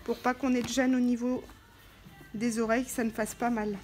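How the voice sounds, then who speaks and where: This presenter for a motorcycle gear channel speaks briskly in a slightly high, a little mellow voice with flat delivery. She walks through a product hands-on and informally, step by step as she handles the parts, over background music.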